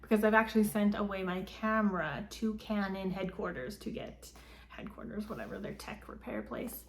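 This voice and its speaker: A woman's voice: mid-range voice, normal speed, creaky. Woman chatting in an echoey phone video. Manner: chatty and rambling, with frequent ums and likes. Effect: filmed as a phone video. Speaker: book vlogger. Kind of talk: casual book haul chat. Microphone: phone camera. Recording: roomy phone recording, faint ambience.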